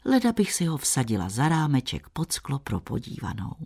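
A man's voice: medium pitch, huge pitch swings, gravelly, darkish tone, slightly rough, heavily acted. A man reading the part of a bold young shepherd girl who talks frankly and plainly. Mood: amused.

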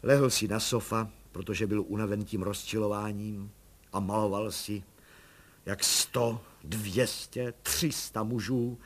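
Man narrating a story, bright voice. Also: mid-range voice. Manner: measured, calm storytelling. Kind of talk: audiobook narration.

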